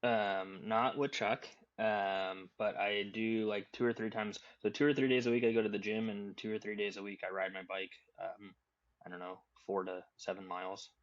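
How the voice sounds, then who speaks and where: A man hosting a casual podcast chat in a relaxed, hesitant way with many fillers. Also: lowish voice, normal speed, highs cut off. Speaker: podcast host.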